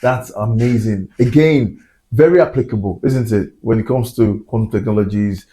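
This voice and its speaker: A man's voice: on the low side, normal speed, dark tone. A man hosting a science podcast, talking in a casual, rambling way with many fillers. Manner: chatty, lots of fillers and asides. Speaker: podcast host. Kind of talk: casual interview chat. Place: Glasgow.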